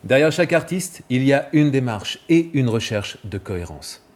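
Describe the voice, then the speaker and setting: A male vocal coach giving a clear, didactic scripted explanation and demonstrating examples. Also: mid-range voice, expressive, moderate pace, darkish tone.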